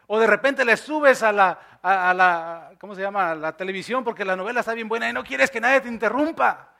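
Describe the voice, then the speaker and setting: A male pastor preaching a sermon, dropping to soft near-whispers and then rising to loud, emphatic lines. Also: high voice, fairly quick, gravelly. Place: church.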